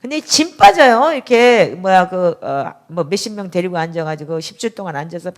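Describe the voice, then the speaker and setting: A middle-aged woman pastor giving a sermon in a conversational, emphatic way, with sudden loud outbursts. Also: on the low side, expressive, moderate pace.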